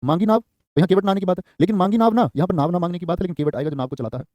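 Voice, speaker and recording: In a dry recording, a high, mellow-voiced man teaches a live online class for exam preparation. His dictation is rapid and repetitive, and he calls on students by name as he answers them.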